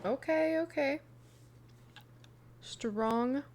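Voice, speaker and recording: A woman's voice: sits high, very slow, darkish tone, slight background noise. A young woman streaming a game live, reacting with bewildered questions and talking to her chat. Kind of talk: live gameplay commentary.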